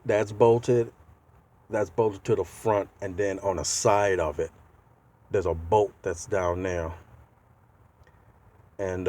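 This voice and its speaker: Recorded on a handheld tablet, this DIY car video host walks through a casual how-to with a low, darkish voice. He speaks slowly and haltingly, often stopping mid-sentence while he hunts for words.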